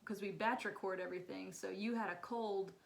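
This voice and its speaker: A woman co-hosting a casual podcast chat, upbeat and quick to laugh. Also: medium pitch, steady tone, vocal fry, poor audio. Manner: upbeat, laughs often, quotes others in bright voices. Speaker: podcast co-host.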